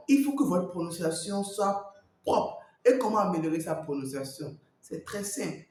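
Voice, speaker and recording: A man working as a language coach, giving advice straight to the viewer and repeating his points. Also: high-pitched. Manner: repetitive, talks straight to the viewer. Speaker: Mandarin coach. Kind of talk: teaching advice to camera. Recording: very echoey room.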